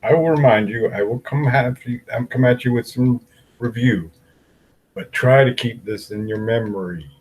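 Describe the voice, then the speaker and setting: A man's voice: medium pitch, moderate pace, darkish tone, slight background noise, low-quality recording. A man teaching an algebra lesson, working through graphs step by step and asking the class questions aloud. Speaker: math teacher.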